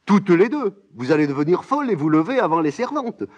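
A man doing a shrill scolding old nursemaid. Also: sing-song, brisk. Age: older. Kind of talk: audiobook reading of a play.

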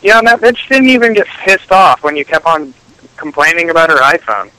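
A male caller heard over a phone line, talking in a slightly raised, bright voice. He is laid-back and uses crude slang, with laughs between his lines. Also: on the high side, expressive, a little fast, no room sound. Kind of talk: casual call-in chat.

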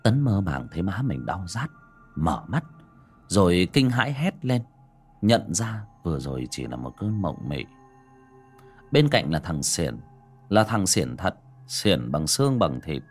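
Male narrator, dramatic horror reading, low husky voice, very lively pitch. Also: a little slow, faint music behind. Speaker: storyteller.

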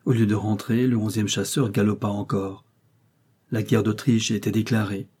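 Low husky male storyteller. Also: little pitch movement, darkish tone. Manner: measured, voicing characters' lines with raised pitch. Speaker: narrator. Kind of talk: audiobook reading of a short story.

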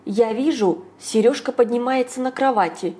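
Brief: female audiobook reader, fairly high voice, lively first-person narration. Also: normal speed.

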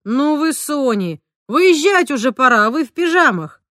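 A woman voices a brisk father barking short orders to the family, with a fairly high, light read. Dry, close audiobook sound. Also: big pitch swings, sharp tone, dry recording, exaggerated voice. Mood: teasing. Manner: commanding, brisk. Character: brisk father taking charge. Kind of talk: audiobook character reading.

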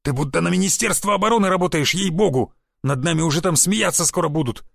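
A man's voice: on the high side, quick pace, creaky, fairly bright tone, no echo, studio quality, pitched above the performer's own voice. A man voicing an angry, cursing male secret police chief who scolds his agent in an audiobook. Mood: furious. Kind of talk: audiobook character voice.

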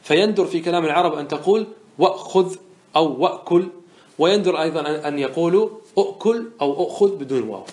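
A man's voice: on the high side, animated, fast talker, darkish tone. A man teaching Arabic morphology in a lecture, explaining verses step by step and often checking that listeners follow. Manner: patient explainer who asks rhetorical check questions; repeats and restarts words while thinking aloud. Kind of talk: classroom lecture explaining a didactic poem.

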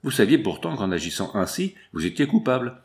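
Male reader as a rough, stern factory foreman; clipped, lowish. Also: sing-song, brisk, darkish tone. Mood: reproachful. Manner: curt, stern.

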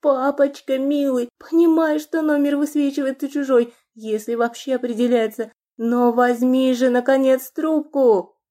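A woman voicing a frightened but sharp-tongued young woman in an audiobook. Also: medium pitch, lively intonation, unhurried, few pauses. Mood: pleading. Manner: pleading, then sarcastic and defiant. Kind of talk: audiobook character reading.

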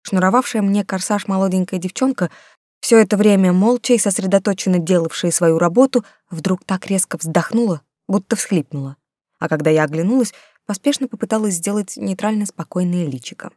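A woman's voice: mid-range voice, a little fast, warm tone, no echo, clean studio sound. Wry woman narrating a fantasy audiobook.

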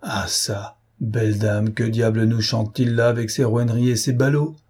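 A man's voice: medium pitch, flat delivery, normal speed, darkish tone, breathy edge, lightly acted. A man voicing an older male shipowner, indignant and flustered.

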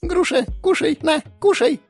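Squeaky little creature. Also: male voice, a little slow, darkish tone, soft background music. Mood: fussy. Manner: broken simple speech, squeaky. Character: squeaky small creature, fussy and childlike.

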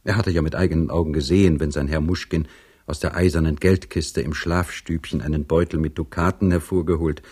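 Male audiobook narrator, very deep voice, husky, measured, classic novel reading. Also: darkish tone. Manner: measured, storytelling. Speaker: audiobook reader.

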